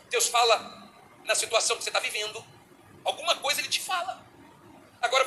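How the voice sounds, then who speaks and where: A middle-aged man with a Brazilian Portuguese accent preaching a sermon as a bishop, animated, acting out little dialogues. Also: high voice, a little hiss or hum, poor audio.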